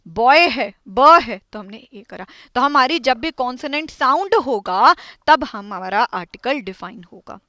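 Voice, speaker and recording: A woman's voice: on the high side, expressive, a little slow, few pauses, bright, forceful tone, no echo. A woman teaching an English grammar lesson, quizzing her students and repeating each point. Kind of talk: classroom lesson.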